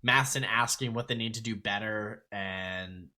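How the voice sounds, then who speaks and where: Casual podcast co-host, man, bright tone, lively and laughing, swears easily. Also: lowish voice, normal speed. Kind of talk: casual hockey podcast chat.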